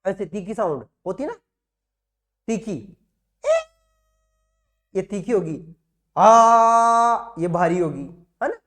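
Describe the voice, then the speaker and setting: A man's voice: sits high, slow pace, pauses often, fairly bright tone. A man teaching nursing exam material in a classroom lecture style, repeating key words and asking and answering his own questions.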